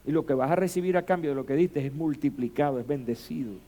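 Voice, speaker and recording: A man preaching a sermon as pastor, building to shouted emphasis and rhetorical questions. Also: fairly high pitch, fast talker, slight background noise.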